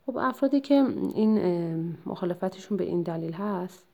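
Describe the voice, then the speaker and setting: Lecturing to summarize a textbook chapter, a woman speaks in a lowish, slightly mellow, animated voice. She keeps a measured pace but often stops to hesitate or fix what she said.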